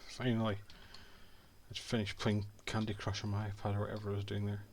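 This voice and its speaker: A man's voice: fairly low pitch, monotone, a little fast, gravelly, a little hiss or hum. A man giving casual commentary over a video game, full of dry, sarcastic asides. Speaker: game streamer.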